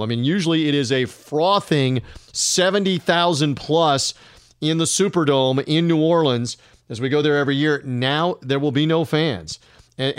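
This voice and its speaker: A middle-aged man hosting a sports podcast alone, with a smooth broadcaster delivery and occasional fillers. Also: a little high, no room sound, studio quality. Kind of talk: solo podcast monologue.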